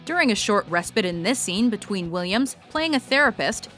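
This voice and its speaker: A woman's voice: mid-range voice, lively intonation, a little fast, fairly bright tone. A woman reading scripted countdown narration about films in a playful, punchy way. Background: music bed.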